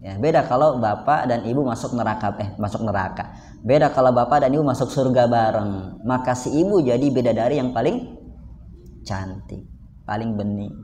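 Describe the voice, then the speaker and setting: A man's voice: mid-range voice, expressive, moderate pace, a little mellow. A man preaching a casual, joking sermon to a live congregation, often turning to his listeners directly. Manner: jokey, keeps addressing listeners directly. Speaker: Islamic preacher. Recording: echoey hall with faint background noise.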